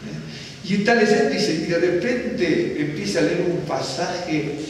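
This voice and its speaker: Man, rabbi preaching, conversational sermon, high voice, echoey far-off recording. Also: lively intonation, unhurried. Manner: conversational, asks listeners questions, tells personal anecdotes. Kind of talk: sermon teaching. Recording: distant mic in echoey hall, faint noise.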